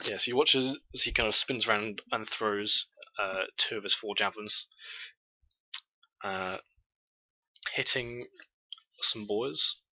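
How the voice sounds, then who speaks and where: A man's voice: lowish voice, bright, forceful tone, slightly rough. A man narrating a tabletop game as game master, hesitant and full of filler sounds.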